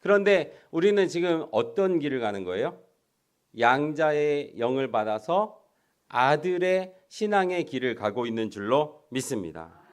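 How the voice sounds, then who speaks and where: A middle-aged man preaching a sermon as pastor, asking rhetorical questions and answering them himself, swinging between loud emphasis and quiet asides. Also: a little high, big pitch swings, measured pace, clean tone.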